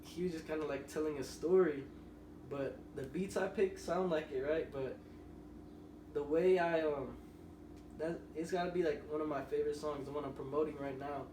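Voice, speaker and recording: A young male musician, appearing as a podcast guest, tells loose, rambling stories in casual chat. His voice sits a little high, with fairly even intonation and a normal speed. The recording sounds roomy and noisy, captured from a distant mic.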